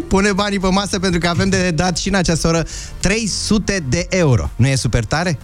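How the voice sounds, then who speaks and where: A man's voice: high-pitched, sing-song, faint music behind. A man hosting a morning radio show, chatting casually, joking and reading listener messages aloud. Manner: jokey, laughs often, reads messages aloud.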